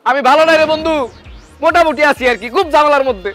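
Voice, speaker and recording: An actor playing a frantic young husband who talks loudly with big gestures, in a comic drama. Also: male voice, very high-pitched, quick pace, over music. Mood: complaining. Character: young husband of a deaf wife, loud and frantic.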